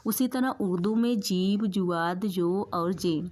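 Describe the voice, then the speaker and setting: Female teacher, exam-prep lecture, steady explanatory delivery, repeats key points, average-pitched voice. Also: takes it slowly.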